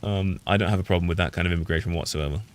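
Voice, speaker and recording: Speaking very fast in a deep voice, this man from the United Kingdom offers casual commentary while streaming a game. His opinions ramble, often trailing away before he restarts.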